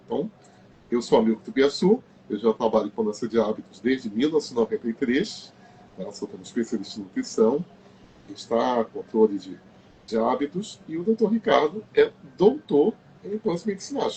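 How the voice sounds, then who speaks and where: A man's voice: mid-range voice, expressive, a little fast, dark tone, a little hiss or hum. A man hosting a live health stream, emphatic and repeating his key phrases. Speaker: host.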